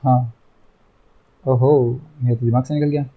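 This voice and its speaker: A man's voice: medium pitch, little pitch movement, a little slow, narrow, tinny audio. A young man teaching a math lesson online, chatty, repeating himself and teasing his students.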